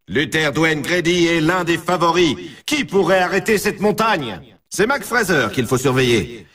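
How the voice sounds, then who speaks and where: A man playing an excited, upbeat snowboard race announcer in a video game, with showman commentary and a husky voice. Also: a little high, moderate pace, distant mic. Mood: hyped.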